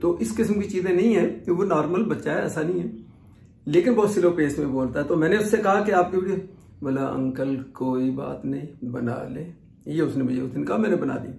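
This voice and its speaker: Gravelly middle-aged man, echoey. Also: high-pitched, fast, a little mellow. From Pakistan. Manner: chatty, digressive, many restarts. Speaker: vlogger. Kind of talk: casual storytelling vlog. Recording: echoey room.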